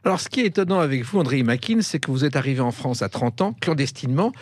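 A man interviewing a guest, asking direct, brisk questions. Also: medium pitch, animated, no room sound, clean studio sound. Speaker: interviewer, host. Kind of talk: broadcast interview.

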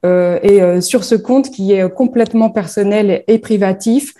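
A woman from northern France who founded a bereavement platform answers interview questions, hesitating often and using fillers. Her voice is mellow and medium-pitched, and she speaks at a measured pace.

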